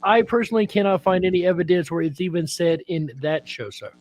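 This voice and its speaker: A man co-hosts a live stream in a high voice. He chats freely and turns often to the viewers in the chat, answering their questions. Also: brisk, darkish tone, a little hiss or hum. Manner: chatty, addresses the chat directly. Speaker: co-host. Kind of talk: casual live-stream talk.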